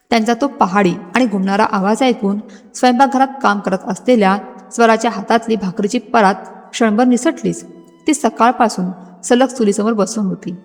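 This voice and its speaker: A woman narrating a scripted, dramatic story in a steady storytelling manner. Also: mid-range voice. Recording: music bed, long hall reverb.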